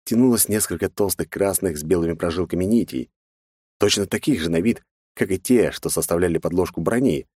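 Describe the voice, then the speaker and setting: A man reads a first-person audiobook in a very low voice, with a wry inner-monologue tone. The recording is dry and close, with no room sound. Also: a little fast, a little mellow, breathy edge, no room sound. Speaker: audiobook narrator.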